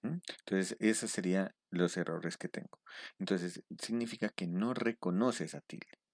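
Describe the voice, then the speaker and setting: Deep-voiced patient male instructor. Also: normal speed, darkish tone, no room sound, clean studio sound. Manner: patient step-by-step explaining, checking in with a questioning "mm". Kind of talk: screen-recorded tutorial.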